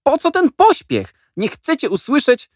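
A man voicing an excited schoolboy who is eager to share his news and pleads with his friends to listen. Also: very high voice, a little slow, no room sound, studio quality, pitched above the performer's own voice, exaggerated voice.

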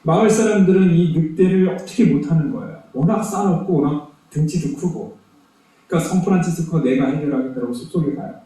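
A man preaching a children's Sunday sermon, telling stories in an animated, emphatic way with lots of repetition. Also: fairly high pitch, brisk. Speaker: pastor. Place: church sanctuary. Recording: very echoey church from far off.

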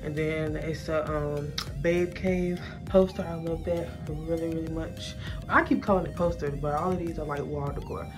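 A young woman shows off her small salon suite, filming on a handheld phone as she goes. She talks in a casual, chatty way, calling the viewers y'all, in a slightly low voice. Music plays clearly behind her. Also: steady tone, normal speed. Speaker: salon suite owner and braider. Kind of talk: casual walkthrough tour. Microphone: handheld phone camera.

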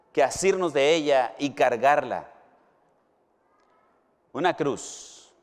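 A middle-aged man with a Mexican Spanish accent preaching a sermon as a pastor, slow and emphatic, with dramatic pauses and big swings from loud to hushed. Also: mid-range voice, clear, resonant tone. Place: university hall or chapel. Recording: long hall reverb.

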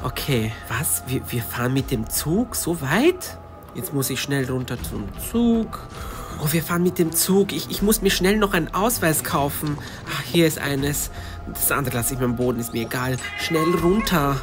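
Someone doing a nervous, hurried girl sleuth. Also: mid-range voice, lively intonation, over music, voice pushed down, lightly acted. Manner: breathless, hurried, stammering. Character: anxious young girl detective with asthma. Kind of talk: storybook narration in first person.

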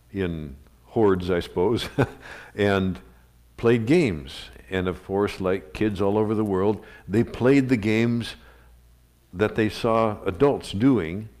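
A man with a fairly low voice preaches in a church service. He retells scripture like a story, chatty and unhurried, slipping in asides and quiet chuckles. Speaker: pastor. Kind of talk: sermon. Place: church sanctuary. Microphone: livestream recording of a live service.

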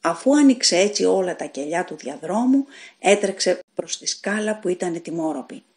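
A woman narrating a short story as an audiobook reader, in a measured, dramatic storytelling manner. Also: lowish voice. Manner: measured, dramatic storytelling that voices characters' shouts.

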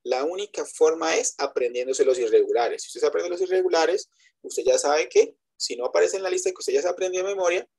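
A man's voice: fairly high pitch, lively intonation, brisk, vocal fry, a little mellow. A man teaching English in a web class, explaining step by step in Spanish and checking often that students follow. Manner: switches between Spanish explanation and English examples. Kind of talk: online class lecture. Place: web conference.

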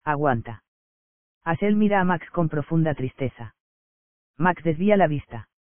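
Un hombre que lee en voz alta una obra de teatro, incluidas las acotaciones, con tono llano y parejo. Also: male voice, on the high side, moderate pace, no room sound. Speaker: audiobook narrator. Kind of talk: reading a stage play aloud. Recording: dry, tinny phone-like sound.

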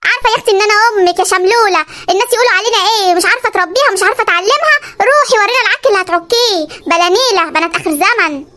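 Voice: extremely high pitch, racing, few pauses, sharp tone, slight background noise. A performer voicing a bossy, self-pitying Egyptian mother and newly remarried bride in a comedy cartoon, with a sped-up voice effect. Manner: scolding, self-pitying nagging.

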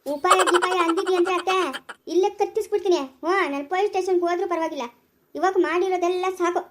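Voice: extremely high pitch, steady tone, fast talker, a bit bright, slight background noise. A performer in a homemade rural family drama, quarrelling, scolding and wailing in turn. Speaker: actor in family skit.

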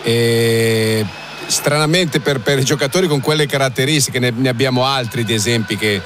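Male football pundit over loud noise. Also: medium pitch, moderate pace. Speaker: football radio co-commentator, analyst. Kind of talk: unscripted live match analysis. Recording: loud stadium noise behind the voice.

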